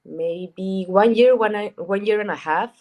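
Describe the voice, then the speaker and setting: A woman from Rica, a guest chatting casually in an interview, talking in a halting way with repeated words and lots of fillers. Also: medium pitch, dull audio. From Costa Rica. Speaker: guest, cannabis events organizer.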